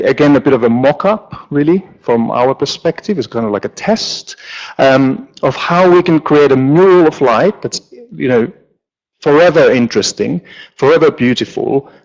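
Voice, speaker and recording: A man speaks from a stage in a large auditorium, his pitch in an ordinary middle range. He presents like a lighting designer at a conference, easygoing and joking, with plenty of ums and restarts. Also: highs cut off. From Finland. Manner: relaxed, joking, with frequent fillers.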